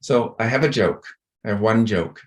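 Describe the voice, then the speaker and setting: Middle-aged man, fairly low voice, chatty and rambling, self-deprecating, conference talk over video call. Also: lively intonation, moderate pace. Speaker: conference speaker.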